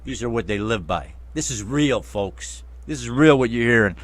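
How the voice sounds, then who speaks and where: A man's voice: medium pitch, animated, normal speed, dry recording. A man hosting a talk show interview, emphatic and chatty, speaking to his listeners as friends. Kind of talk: casual interview.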